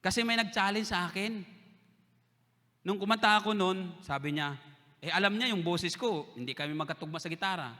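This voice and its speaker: A bright, forceful male pastor from the Philippines delivers a lively sermon, playing out little dialogues with his congregation. His fairly high voice rings through a church sanctuary with a long reverb tail. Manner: lively storytelling, acting out quick exchanges with church members.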